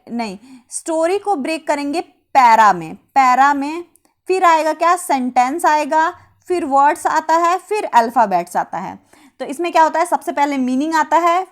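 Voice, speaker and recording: High-voiced woman teaching, rhetorical questions. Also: expressive. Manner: asks rhetorical questions then answers them; repeats key terms slowly. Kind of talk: exam-prep lecture.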